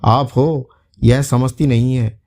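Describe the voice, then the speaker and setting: A man voicing a gruff old father-in-law in a told folk tale, reprimanding the family in a mellow voice. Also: mid-range voice, fairly even intonation, slow. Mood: scolding. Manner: reprimanding, dismissive. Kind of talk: storytelling.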